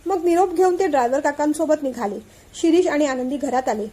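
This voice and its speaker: Woman narrator, calm family-story reading, high voice with a soft, dark tone. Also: a little fast.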